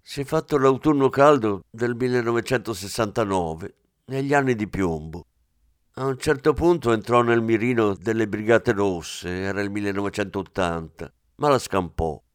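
A man's voice: on the low side, moderate pace, clean tone, dry recording, lightly acted. An eager young officer, read by a man, briefing his boss in a slightly raised voice that stays close and dry. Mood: reporting. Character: eager young male police officer reporting.

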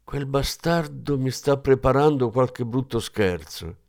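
A man voicing a cunning male gangster boss in an audiobook, calm and scheming. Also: medium pitch, unhurried, vocal fry, no echo, clean studio sound, voice pushed up.

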